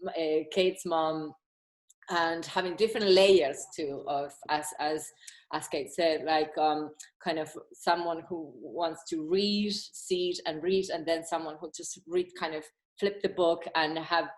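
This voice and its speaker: Low-voiced woman from Argentina. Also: fairly even intonation, unhurried, low-quality recording. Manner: hesitant, searching for words, with many restarts. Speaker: graphic designer and publisher. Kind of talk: casual online talk. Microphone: video call.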